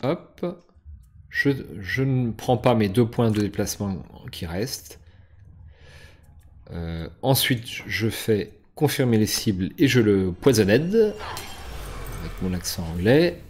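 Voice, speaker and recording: A man's voice: fairly low pitch, lively intonation, unhurried, slightly rough. A man hosting a board game session, casually explaining rules and moves with frequent hesitations and restarts. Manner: hesitant, many fillers and restarts. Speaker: board game channel host.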